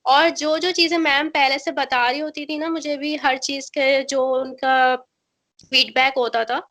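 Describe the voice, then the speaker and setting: A woman's voice: high-pitched, a bit bright. A young woman with a Pakistani Urdu accent, a voice-over student earnestly talking through what she learned, step by step. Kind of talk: testimonial.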